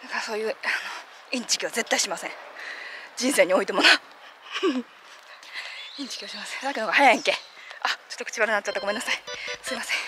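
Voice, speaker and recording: A woman with a Kansai accent, chatting casually and excitably while vlogging outdoors by the sea. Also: on the high side, fast talker, pauses often, slight background noise. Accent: Kansai Japanese. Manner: chatty, excitable, playful, breaks into laughs. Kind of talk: casual outdoor vlog chat.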